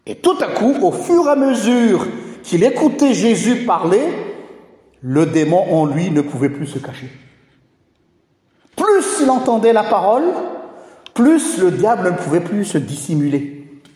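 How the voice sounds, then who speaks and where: A man with a high, mellow voice preaches a sermon in a teaching, rhetorical manner. His words ring out through a large hall with a long, echoing tail. He speaks straight to the congregation. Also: sing-song, unhurried, long pauses. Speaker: pastor. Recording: echoey hall with long reverb.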